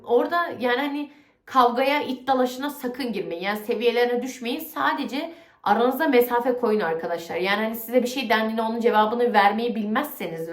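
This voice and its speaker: A young woman with a fairly high voice tells a workplace story in a chatty, indignant vlog. She talks with lots of fillers and rising heat. The room around her sounds echoey. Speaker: vlogger.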